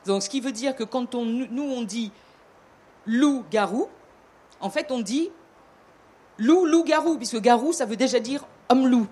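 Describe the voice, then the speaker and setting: A woman's voice: a little high, normal speed, mellow, slightly rough. A woman with a southern French accent telling an old tale in a casual, hesitant way, with many fillers, restarts and joking asides. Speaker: storyteller. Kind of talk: casual storytelling talk.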